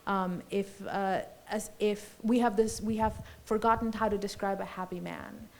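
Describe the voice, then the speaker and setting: A woman's voice: medium pitch, steady tone, moderate pace, darkish tone. A woman in her forties, from Colombia, speaking reflectively and lyrically as a panelist at a festival discussion, with many fillers and restarts.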